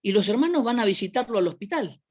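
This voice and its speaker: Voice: mid-range voice, fast talker. A preacher with an Argentine accent telling a church anecdote in a sermon, acting out the people in it. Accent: Argentine Spanish. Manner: anecdotal, animated retelling with voiced quotes. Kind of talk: storytelling sermon. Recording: dull lo-fi recording.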